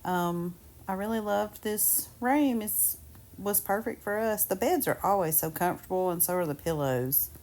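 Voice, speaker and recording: A woman with a medium-pitched voice narrates a travel vlog. She talks casually, in a chatty and upbeat manner, as if recapping a trip for friends. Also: normal speed, darkish tone. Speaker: travel vlogger.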